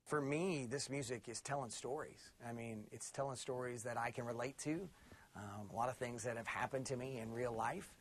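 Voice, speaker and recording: Relaxed conversational man from Missouri. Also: mid-range voice, moderate pace, breathy edge. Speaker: arena announcer and radio host. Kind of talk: interview answers.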